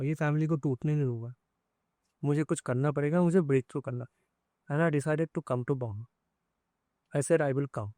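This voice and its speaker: A man, a music composer, sharing an emotional personal story in an interview, speaking in a soft, halting way. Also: a little high, no room sound.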